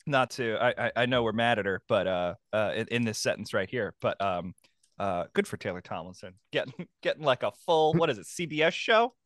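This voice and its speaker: Animated, joking man in his thirties. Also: lowish voice, fairly quick, dry recording, studio quality. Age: 30s. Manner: animated, jokey, laughs often. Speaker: podcast co-host. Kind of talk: casual chat.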